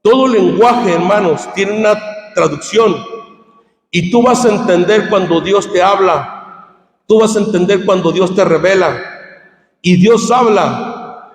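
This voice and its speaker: A man preaching a fervent sermon as pastor, swinging between shouted climaxes and quiet asides. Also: high-pitched. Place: church hall. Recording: echoey church hall.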